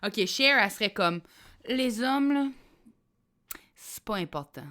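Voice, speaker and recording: A woman's voice: mid-range voice, animated, measured pace, pushed and bright, clear, resonant tone. A woman comedian with a Quebec French accent, chatting in a self-mocking comedic improv style.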